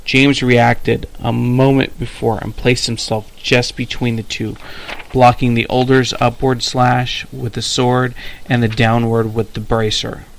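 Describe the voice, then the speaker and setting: A man's voice: medium pitch, flat delivery, a little slow, gravelly. A man reading an adventure story aloud in an unpolished way, with slips and restarts. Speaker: amateur story reader.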